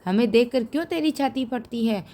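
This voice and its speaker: A woman reading the part of a fierce, quarrelsome middle-aged village wife who scolds and shouts defiantly. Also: on the high side, animated, normal speed, natural voice. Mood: angry shouting.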